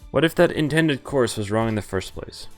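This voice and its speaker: Speaking at normal speed in a medium-pitched voice with lively intonation, a man reads aloud the narration and dialogue of a visual novel he's streaming. He keeps it casual and lightly acted, with offhand reactions, and game music plays in the background.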